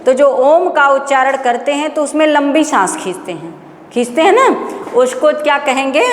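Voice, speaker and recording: A woman teaching Sanskrit grammar for an exam-prep class, asking questions and answering them herself, sometimes drawing out sounds in a chant. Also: high voice. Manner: drawn-out chanting of example sounds. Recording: echoey room with long reverb.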